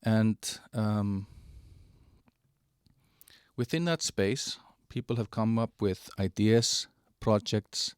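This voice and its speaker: A man giving a halting walkthrough of an online platform, with many fillers and restarts. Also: lowish voice, smooth, no echo, clean studio sound. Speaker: presenter of a digital platform. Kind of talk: screen-share product walkthrough.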